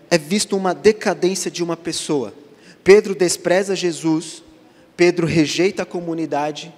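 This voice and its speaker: In a church sanctuary, a male pastor with a Brazilian Portuguese accent delivers a sermon, acting out dialogue by sinking to hushed lines and then building to loud emphasis. His voice is fairly high, and the hall adds reverb.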